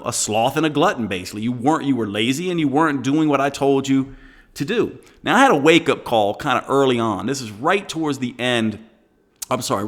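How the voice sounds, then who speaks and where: A man in his forties telling his story to fitness trainers in an energetic teaching talk, often asking the audience rhetorical questions. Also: medium pitch. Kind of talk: direct-to-camera teaching talk.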